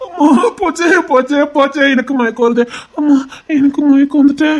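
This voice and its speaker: Teasing young male lover, voiced by a woman, playful and melodramatic, high-pitched. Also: fairly quick, a little mellow, lo-fi sound. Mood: mock wailing. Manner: playful teasing, theatrical wailing when hurt. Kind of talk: amateur audio drama.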